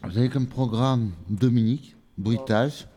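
A man's voice: medium pitch, measured pace, mellow, a little hiss or hum. Man announcing in a mock radio style. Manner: announcer-like, presenting the programme.

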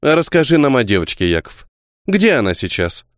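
A man voicing an elderly noble countess who gives orders in a brisk, old-fashioned way. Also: medium pitch, sing-song, no room sound, clean studio sound, close to an everyday voice. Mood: commanding. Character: elderly noble countess, commanding, gruff but kind.

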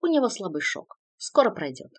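A woman's voice: mid-range voice, sing-song, moderate pace, dry recording. A woman voicing a firm, commanding noble mother, a sly countess.

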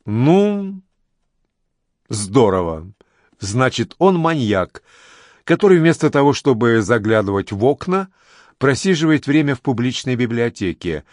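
A man reading aloud, voicing a wary, sharp-tongued young woman doctor who questions and mocks a stranger, in a dry-sounding recording. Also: mid-range voice, sing-song, measured pace, no echo. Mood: sarcastic. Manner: suspicious, sarcastic.

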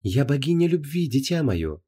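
A man's voice: mid-range voice, sing-song, normal speed, dark tone, breathy edge, pitched above the performer's own voice. A man voicing a sweetly smiling, seductive goddess of love who speaks in a honeyed, coaxing, condescending way.

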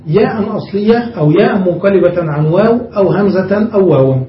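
A man with a fairly high voice leads a grammar lesson, explaining each step and pausing to ask his students whether they follow. He is picked up from across a reverberant room. The recording sounds dull and lo-fi. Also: a little hiss or hum. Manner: explains step by step, often checks understanding with the class. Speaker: Arabic grammar teacher. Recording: roomy, muffled recording from a distance.

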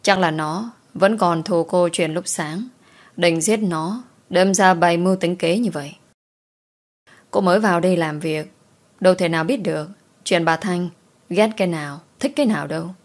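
A woman narrating a scripted story in a steady, expressive way. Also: on the low side, moderate pace.

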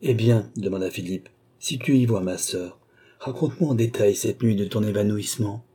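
A man's voice: on the low side, moderate pace, dark tone, breathy edge. A man voicing an anxious young nobleman who presses his sister with urgent questions in an audiobook reading.

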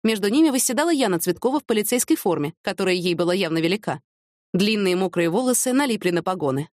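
A woman narrating an audiobook in an even, measured reading. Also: medium pitch, no room sound, studio quality. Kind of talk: scripted narration.

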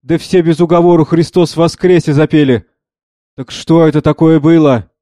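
A man's voice: on the high side, steady tone, normal speed, mellow, no room sound, studio quality, voice pushed up, close to an everyday voice. A man reading a scornful old monk. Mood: grieving. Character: pious old monastery monk, sly and scornful.

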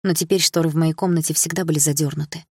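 A woman reading a first-person novel aloud in an even, measured way. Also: deep voice, husky, no echo, clean studio sound. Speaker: audiobook narrator.

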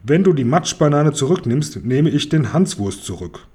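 A man's voice: on the high side, big pitch swings, moderate pace, darkish tone, husky. A man doing a stubborn, defiant prisoner. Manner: defiant, grumbling. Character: stubborn, hot-tempered male prisoner.

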